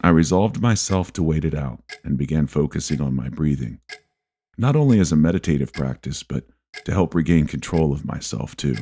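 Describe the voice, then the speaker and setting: Narrating a scripted horror tale in the first person, this man speaks with an extremely low, warm, slightly rough voice. He stays measured and deliberate, using dramatic pauses, yet sounds animated.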